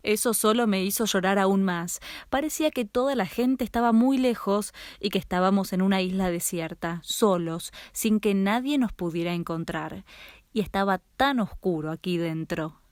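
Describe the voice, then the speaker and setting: A woman's voice: medium pitch, moderate pace, darkish tone, dry recording. Woman narrating a dramatic story, dry sound. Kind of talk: scripted first-person story narration.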